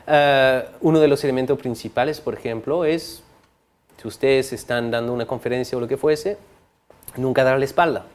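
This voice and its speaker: A man giving a training talk on body language to an audience, lively, often checking in with listeners and playing with volume and speed for emphasis. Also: medium pitch, normal speed.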